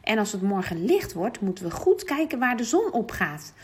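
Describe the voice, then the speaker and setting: Storybook boy, earnest and clever, lively and airy; woman reader voices him. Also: medium pitch, normal speed, slightly rough. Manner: earnest, reasoning. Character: clever thoughtful young boy lost in woods.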